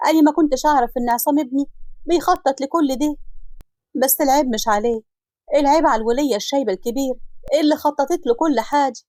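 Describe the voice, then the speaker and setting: A woman's voice: sits high, fast, dark tone, no room sound, voice pushed up, close to an everyday voice. A woman doing an apologetic older mother. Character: remorseful older Upper Egyptian mother.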